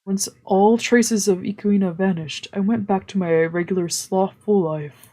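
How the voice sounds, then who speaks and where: Unhurried and mellow, a woman's medium-pitched voice carries a dramatic read-aloud of a visual novel. She's streaming a let's play with game music in the background, switching from narration to offhand comments.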